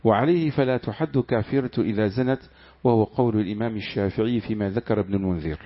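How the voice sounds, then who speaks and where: A man with a fairly low voice reads a classical commentary aloud at a quick pace. Between passages he answers his teacher with short amens. The recording sounds dull and lo-fi. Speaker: student reading the text aloud.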